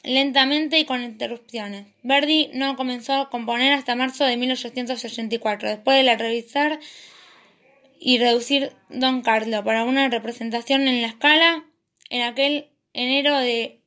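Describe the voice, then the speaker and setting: A woman hosting a podcast, reading a history narration in a steady way and signing off warmly at the end. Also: fairly high pitch, normal speed. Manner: steady reading with a warm sign-off. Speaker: podcast host. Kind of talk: read-aloud history narration.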